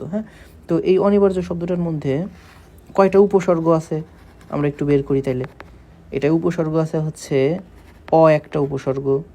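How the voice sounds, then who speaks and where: A man from Bangladesh teaching a literature lesson for exam preparation, explaining step by step and slowly spelling out words. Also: on the high side, vocal fry, dark tone. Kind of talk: exam-prep lecture.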